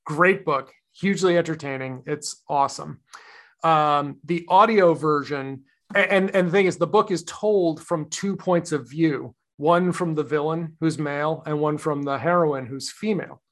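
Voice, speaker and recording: A man's voice: on the high side, moderate pace, fairly bright tone. A man co-hosting a podcast in casual chat, rambling and thoughtful, with many fillers and restarts. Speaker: podcast co-host.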